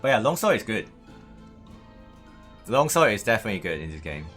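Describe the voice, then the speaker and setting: A man with a Malaysian accent talks in a low, bright and forceful voice. He chats casually as a game streamer, hesitating and doubling back on his words, with music playing behind him. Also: sing-song, fairly quick. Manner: hesitant, repeats words, often says "man". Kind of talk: casual livestream gaming chat.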